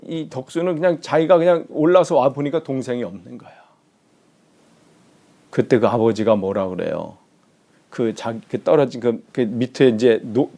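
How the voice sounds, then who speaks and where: A man preaching a sermon as pastor, telling a story with rising emphasis and sometimes dropping to a whisper. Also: mid-range voice. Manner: animated storytelling, dropping to whispers for quoted lines.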